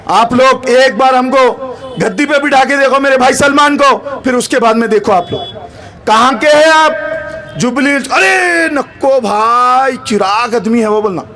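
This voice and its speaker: A man with a Hyderabadi accent giving a fervent, repetitive campaign rally speech, often shouting. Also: very high voice. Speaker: political campaign speaker.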